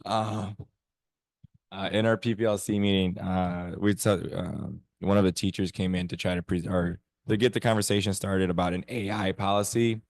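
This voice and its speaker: A hoarse man, losing his voice, giving a steady report as a teacher representative at a council meeting. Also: sits low, dry recording. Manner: steady, level report with frequent pauses.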